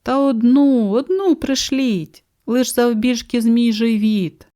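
Picture a stuffed, complaining hippo, as a woman reading the storybook puts him on, pleading down the phone in a voice pitched a touch above her own. He sounds sorry for himself and drags his words along slowly. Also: mellow.

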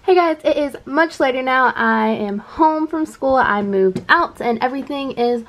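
A woman's voice: sits high, animated, normal speed, fairly bright tone. Chatty young woman vlogging. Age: young adult. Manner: chatty, filler-heavy, upbeat. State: out of breath while walking. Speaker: college student vlogger. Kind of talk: casual vlog. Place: college dorm room and outdoors walking.

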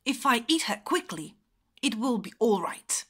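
A woman voicing a hungry, gruff old male wolf with a soft heart, groaning and grumbling through his lines. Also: fairly high pitch, sing-song, a little slow, exaggerated voice. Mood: torn. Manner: groaning, grumbling, sometimes howling.

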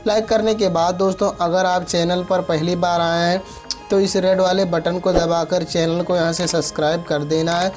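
A man's voice: high voice, a little mellow. A man hosting a tech tips channel, giving a scripted, instructional voice-over that walks listeners through an app step by step. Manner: instructional, addresses listeners repeatedly as friends. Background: background music.

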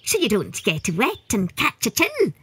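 A woman's voice: fairly high pitch, wildly swooping pitch, a little slow, a bit bright, slightly rough, no room sound, pitched above the performer's own voice, exaggerated voice. A woman voicing a sly little old male leprechaun, wheedling and tricky.

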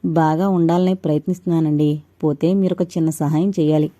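A woman doing a sly, flattering young man. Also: sits low, a little fast, dry recording, lightly acted. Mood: ingratiating. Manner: ingratiating, sly. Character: scheming young man, smooth-talking flatterer.

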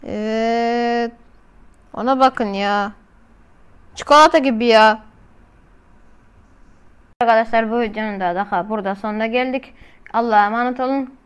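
A woman's voice: a little high, fairly even intonation, moderate pace, pauses often, smooth. A woman doing casual, slangy reaction commentary as a video host, often exclaiming.

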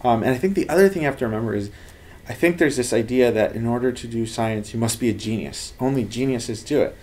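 A man's voice: medium pitch, fast, a little mellow. A man in his thirties from Los Angeles, a lab head talking earnestly and animatedly about his work in an office interview. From Los Angeles, United States. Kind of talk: casual interview talk. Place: office with bookshelves, indoors.

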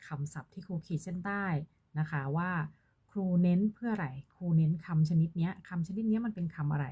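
A woman's voice: fairly low pitch, a little fast, dark tone, breathy edge. A woman teacher speaking to young pupils in an online lesson, patient and repeating polite particles.

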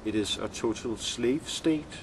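A man's voice: medium pitch, lively intonation, background noise. Danish-accented man, recorded a little far off. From Denmark. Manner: halting, searching for words. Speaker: filmmaker being interviewed. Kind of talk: reflective interview answers. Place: outdoor courtyard among glass buildings. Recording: distant mic outdoors, urban bustle behind.

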